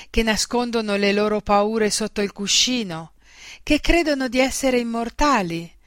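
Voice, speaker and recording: A woman reading a children's storybook aloud in a gentle, expressive way. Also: on the high side, dry recording, clean studio sound.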